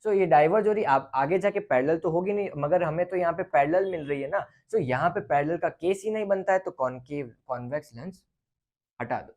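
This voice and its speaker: A man works through a physics question as a teacher, thinking aloud. His delivery is casual and unhurried, and he pauses often to check that his students are following. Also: fairly high pitch, a little mellow, lo-fi sound. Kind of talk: explaining a lecture on light.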